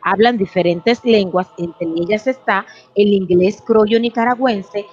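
A woman's voice: medium pitch, measured pace, darkish tone, soft background music. A woman co-hosting a show, presenting facts about countries and laughing easily at her partner's jokes. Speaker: radio co-host. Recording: dry, dull lo-fi sound.

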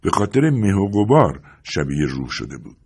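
A man reading an audiobook, voicing a gentle, polite older woman neighbor in a softly raised voice. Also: sits low, sing-song, breathy edge, exaggerated voice. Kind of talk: audiobook character voice.

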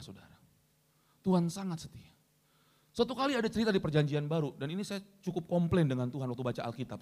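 A man preaching a sermon, addressing the congregation again and again and calling for amens, swinging between loud high emphasis and quiet low asides. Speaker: pastor.

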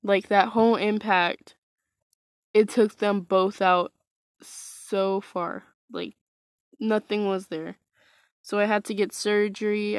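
A woman's voice: medium pitch, no echo, studio quality. A woman casually telling a personal story, hesitant and wry, full of fillers and restarts. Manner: wry, self-mocking.

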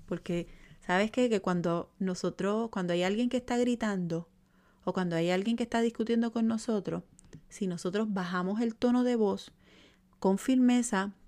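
Woman, self-help talk, calm and measured delivery, speaks directly to the listener, mid pitch. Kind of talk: motivational talk to camera.

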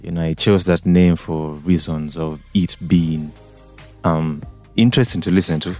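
A man from Uganda, a singer-songwriter guest on a radio interview, relaxed and hesitant with many ums. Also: low-pitched, moderate pace, soft background music.

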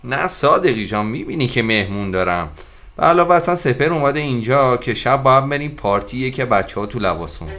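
A friendly young son who rattles off his lines in a hurry. His voice is low-pitched and heard a little off-mic. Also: lively intonation, fairly bright tone, soft background music. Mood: eager. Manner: hurried, friendly. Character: eager young man, the family's son.

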